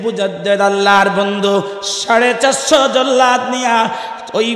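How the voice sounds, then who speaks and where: A man preaching a waz sermon in a sing-song chant that climbs to shouts at the crowd. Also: high voice, fairly even intonation, moderate pace. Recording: echoey hall with long reverb.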